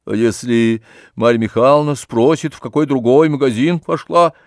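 A man reading aloud and voicing an anxious, impatient gentleman who keeps pressing with worried questions. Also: mid-range voice, normal speed, no room sound, clean studio sound, natural voice. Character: anxious, fretful gentleman suitor.

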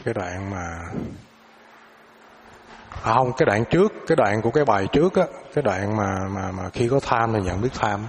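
A man leads a dharma class in a relaxed, halting way, often doubling back on his words. His voice sits on the low side. A faint hiss runs under it. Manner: hesitant, repeats words, relaxed. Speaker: dharma teacher. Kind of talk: classroom teaching with questions.

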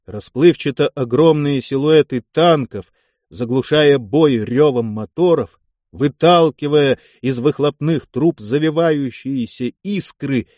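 A man giving a measured, dramatic scripted narration of a war novel. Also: medium pitch, a little mellow, no room sound, studio quality. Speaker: audiobook narrator.

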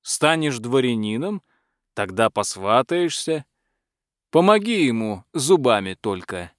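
A man's voice: mid-range voice, sing-song, measured pace, dry recording, clean studio sound. A man voicing a sly, coaxing male dragon in a fairy tale.

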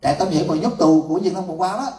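A man's voice: high-pitched, rapid-fire, warm tone. A man, a Buddhist monk telling a story in an evening sermon, laughing often as he speaks. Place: temple hall. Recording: roomy hall from far off.

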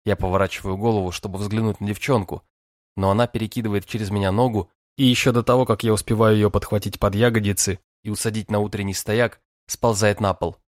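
A male audiobook narrator who tells the story in the first person with a cocky, teasing manner. His voice sits fairly low. The sound is dry and close. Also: fairly even intonation, fast talker, dry recording.

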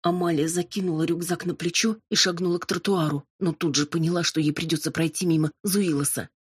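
Husky woman narrating an audiobook. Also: lowish voice, fairly even intonation, a little fast, no room sound, clean studio sound. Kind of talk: scripted first-person narration.

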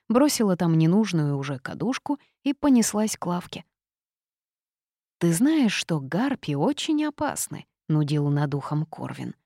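Expressive woman narrating, low-voiced. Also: gravelly, dry recording, studio quality. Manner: lively, expressive reading. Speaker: audiobook narrator. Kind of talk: first-person fantasy narration.

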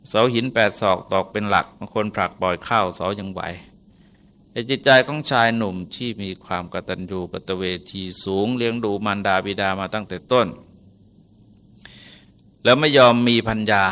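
Male monk, storytelling sermon, bright forward tone, easygoing and hesitant. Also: mid-range voice, clean tone. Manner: relaxed, conversational, polite particles, frequent hesitations. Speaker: Buddhist monk.

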